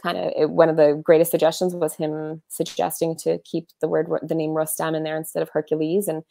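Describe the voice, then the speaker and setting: A woman's voice: deep voice, level tone, a little fast, gravelly, mellow, no room sound. A woman in her thirties, an author being interviewed over a video call, talking casually with lots of fillers and restarts. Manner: chatty, many fillers and restarts. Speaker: author and illustrator guest.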